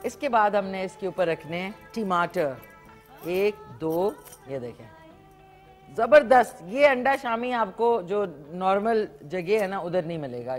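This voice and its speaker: A woman hosting a live TV cooking demonstration, chatty and animated with frequent exclamations. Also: fairly low pitch. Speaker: morning show host. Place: TV studio kitchen set.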